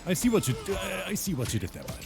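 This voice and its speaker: A man hosting and commentating a fighting game tournament, excitable and hyped, reading out chat between calls. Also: high-pitched, racing, creaky, over music. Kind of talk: esports play-by-play commentary.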